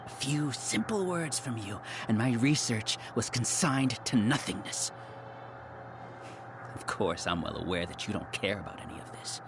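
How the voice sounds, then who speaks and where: A grandiose game villain, the scholarly master of a hive mind. His mid-pitched voice swoops widely as he condescends and gloats. There is clear noise behind him. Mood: bitter. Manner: theatrical, condescending, grandiose monologuing. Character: arrogant male villain researcher, leader of a hive mind. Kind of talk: scripted video game villain acting.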